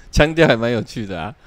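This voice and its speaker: A man's voice: mid-range voice, dry recording. A middle-aged man from Taiwan, hosting a casual chat in a playful, teasing way. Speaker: host.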